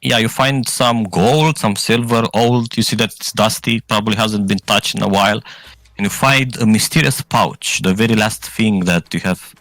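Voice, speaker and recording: A man's voice: lowish voice, moderate pace, fairly bright tone, no room sound, rough recording. A man narrating a tabletop role-playing game as game master, improvising and often searching for his words.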